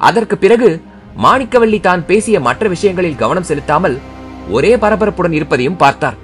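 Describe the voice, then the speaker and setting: A man narrating a historical novel as an audiobook, reading in an expressive, dramatic way. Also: high voice, moderate pace, soft background music.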